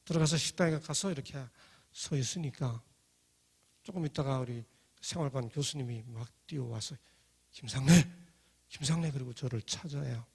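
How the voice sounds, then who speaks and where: A middle-aged man giving a lively personal testimony talk, acting out the voices of the people in his story. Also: medium pitch, fairly quick, vocal fry, breathy edge, long reverb tail. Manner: lively, acts out quoted voices.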